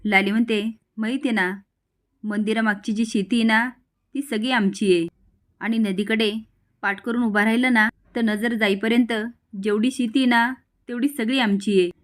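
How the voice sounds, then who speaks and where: A woman's voice: a little high, fairly even intonation, normal speed. A woman recounting a TV serial episode, reading each character's lines in her own voice.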